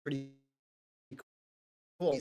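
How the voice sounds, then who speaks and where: A man's voice: drawn-out words, mellow, muffled recording. Give me a man's voice on a choppy, breaking-up call line, played as a community host checking in. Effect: choppy, breaking-up voice call audio. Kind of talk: casual online group call. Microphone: online voice chat.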